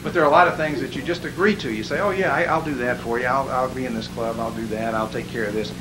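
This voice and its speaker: A man telling a seminar testimonial as an animated storyteller who chuckles at his own jokes. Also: mid-range voice, fast talker. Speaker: seminar attendee giving a testimonial. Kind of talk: spoken testimonial. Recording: hissy background noise.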